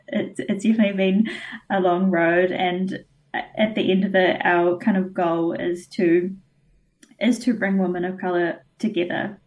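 A woman's voice: on the low side, distant mic, poor audio. A woman, an event organizer explaining her conference in a casual interview and laughing between points.

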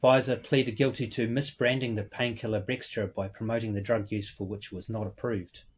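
A man's voice: on the low side, fairly even intonation, a little fast, breathy edge, dull audio. A man talking as a guest in an interview. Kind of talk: casual interview talk.

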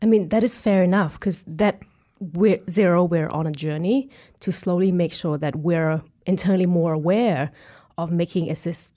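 A woman from Bangkok, Thailand, speaks in a low, dark-toned voice at a moderate pace. She is a web developer at a software company, casually answering questions as an interview guest.

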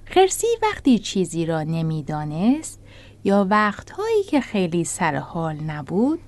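Expressive woman storybook narrator. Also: medium pitch.

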